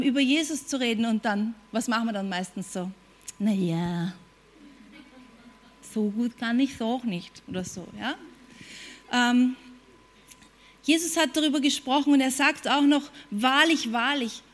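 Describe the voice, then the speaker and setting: High-voiced woman preaching a sermon. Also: a bit bright. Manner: emphatic, repeats phrases and asks the audience questions.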